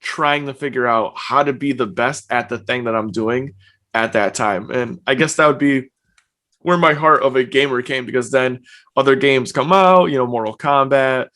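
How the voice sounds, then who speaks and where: In a medium-pitched voice at normal speed, a young podcast guest who streams and works as a personal trainer chats loosely during a casual evening interview at home. He is relaxed and sprinkles "like" throughout his talk.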